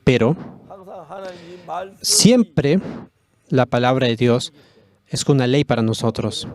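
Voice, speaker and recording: A man's voice: medium pitch, lively intonation, slow pace, a little mellow. A man preaching a sermon with passion, lifting his voice on key words and sometimes restarting a phrase. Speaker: pastor.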